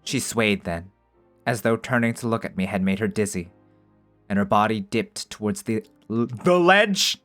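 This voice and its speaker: A man with a fairly low voice reads a visual novel aloud in first person. He breaks off now and then into joking, profane commentary. Soft music plays behind him. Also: animated, normal speed. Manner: swears freely, jokes between narrated lines. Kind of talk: story narration mixed with casual commentary.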